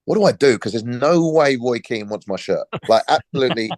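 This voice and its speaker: A man in his forties, a former footballer and podcast guest, telling a relaxed story and acting out the dialogue. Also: medium pitch, a little fast, dry recording. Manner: lively storyteller, acts out quoted dialogue, frequent restarts.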